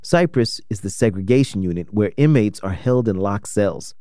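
A man's voice: lowish voice, expressive, normal speed, dark tone, no room sound, clean studio sound. A man hosting an investigative radio program, reading scripted documentary narration.

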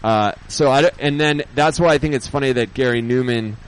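A man hosting a radio show as DJ, chatting casually off the cuff in a halting, rambling way, thinking aloud. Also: mid-range voice, smooth, rough recording. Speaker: radio host and DJ.

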